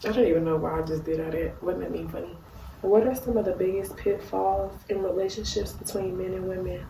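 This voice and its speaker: A woman's voice: on the low side, steady tone, brisk, vocal fry, warm tone. Tipsy, goofy woman chatting in an echoey room. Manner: tipsy, goofy, rambling, with giggles. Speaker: YouTuber answering viewer questions. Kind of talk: casual chatty Q&A. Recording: roomy echo, distant mic, faint noise.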